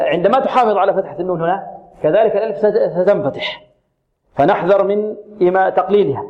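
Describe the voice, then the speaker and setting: Guy teaching quran recitation on a muffled lo-fi radio show, fairly high voice, says words over and over real slow. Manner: explains rules, then drills words slowly and repeatedly. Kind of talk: tajweed lesson with slow demonstrations.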